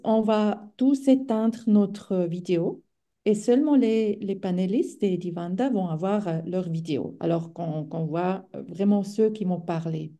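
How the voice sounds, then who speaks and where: A woman's voice: medium pitch, unhurried, warm tone. A woman speaking French as a non-native with a foreign accent, explaining things to webinar participants and searching for her words. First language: not French. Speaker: webinar co-facilitator.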